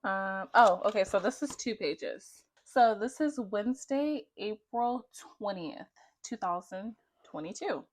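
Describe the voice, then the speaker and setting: A woman's voice: medium pitch, animated, a little slow. Casual young woman reading her journal aloud. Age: young adult. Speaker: vlogger.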